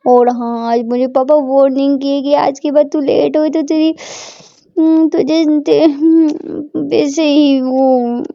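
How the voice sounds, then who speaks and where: A woman's voice: high-pitched, flat delivery, slow, dry recording, muffled recording. A woman voicing a young student daughter abroad who reassures and explains things to her parents. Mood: explaining. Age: young adult.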